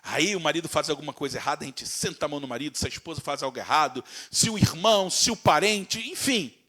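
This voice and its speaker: A male pastor preaches in a high, bright, forceful voice. He keeps firing rhetorical questions at the congregation, acts out harsh quoted remarks, and drags words out as his volume swells and drops. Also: expressive, fast. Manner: stretches words with swings in loudness. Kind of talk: sermon.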